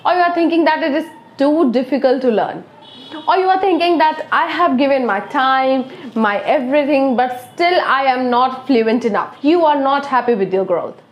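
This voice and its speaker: A woman whose first language is Hindi teaches spoken English in a motivational video lesson, speaking with an Indian accent in an earnest, coaxing way and ending points with "okay?". Her fairly high voice has lively intonation and a moderate pace. The room sound is echoey.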